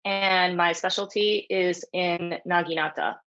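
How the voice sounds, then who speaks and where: A woman's voice: lowish voice, fairly even intonation, unhurried, a bit bright, dull audio. A woman, a martial arts guest, speaking thoughtfully with many fillers in a casual interview over a video call. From New York City. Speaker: guest, naginata practitioner.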